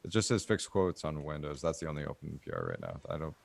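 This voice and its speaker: Very deep gravelly man on a call. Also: sing-song, fast. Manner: rambling, many fillers and restarts. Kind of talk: casual technical meeting talk.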